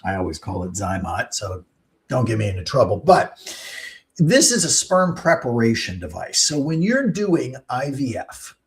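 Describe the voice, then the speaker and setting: A man's voice: medium pitch, sing-song, normal speed. A middle-aged man, a fertility doctor hosting a live question-and-answer stream, explaining things in a chatty way with many ums and uhs.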